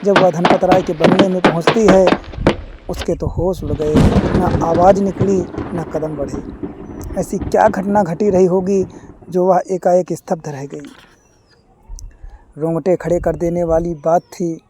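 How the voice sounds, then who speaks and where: A storyteller reading a story aloud in a measured, formal way, with reflective asides. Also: mid-range voice, fairly even intonation, noisy background. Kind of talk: scripted story narration.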